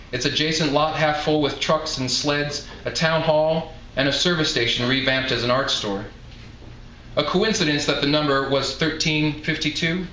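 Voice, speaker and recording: A man with a slightly high, pushed, bright voice gives a live literary reading to an audience indoors, narrating as if presenting his own writing. The recording carries the echo of a roomy venue and some noise.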